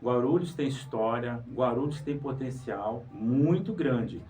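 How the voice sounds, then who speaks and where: Here the Pará-born writer and museologist speaks in a mid-range, darkish voice at a measured pace. As a guest in the interview, he teaches emphatically, posing rhetorical questions. A faraway microphone captures him along with a faint hiss.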